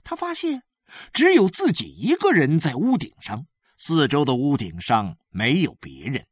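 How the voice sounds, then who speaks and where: A woman narrating a literary story in a measured, expressive storytelling manner. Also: deep voice, husky, no echo, clean studio sound.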